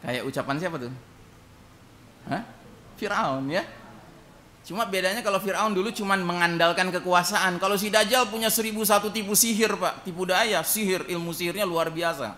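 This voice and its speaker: A man gives a sermon in a mosque in a bright, ringing voice that sits a bit high for a man. He tells the story with animation, slips into quoted voices, and keeps turning to address his listeners directly. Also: normal speed, a little hiss or hum. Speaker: preacher.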